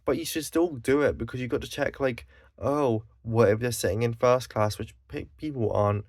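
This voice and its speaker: A Scottish man vlogs at normal speed in a medium-pitched, slightly mellow voice, recorded without room sound. Bluntly and with plenty of swearing, he vents his exasperation, sighing and correcting himself throughout.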